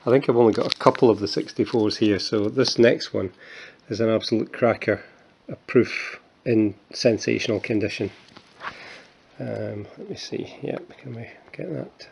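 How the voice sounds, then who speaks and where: In this laid-back show-and-tell vlog, a fiftysomething man from Scotland walks through his coins with self-deprecating humour, often restarting and using fillers. He speaks at a fairly low pitch with a creaky, darkish quality, and there's a little hiss or hum in the background.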